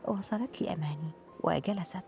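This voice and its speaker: A woman reads the narration of a radio drama in measured formal Arabic. Her voice sits on the lower side, and clear music plays behind her. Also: warm tone. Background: background music.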